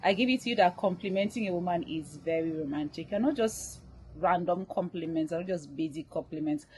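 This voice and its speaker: A woman's voice: fairly low pitch, fairly quick, darkish tone, a little hiss or hum. A young woman hosting a casual video review of a romance film, chatty, with many fillers and frequent laughs. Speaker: movie reviewer.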